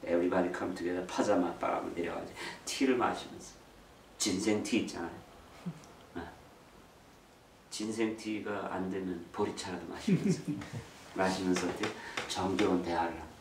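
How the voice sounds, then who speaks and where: Middle-aged man, church parenting talk, animated storyteller who acts out quotes and mixes in English; roomy, distant mic, faint hall ambience. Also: sits low, moderate pace, creaky, long pauses, slight background noise. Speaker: speaker on parenting. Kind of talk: church talk on raising children.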